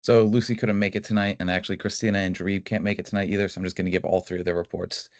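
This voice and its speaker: A man's voice: deep voice, flat delivery, racing, darkish tone, no room sound. A young man, the student body president, giving a casual meeting report with lots of fillers. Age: young adult.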